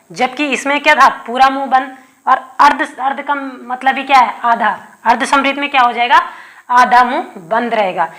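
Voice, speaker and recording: Bright-voiced Hindi teacher drilling terms. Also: female voice, sits high. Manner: repeats key terms with rhetorical questions; dictates notes slowly. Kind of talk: exam-prep lesson.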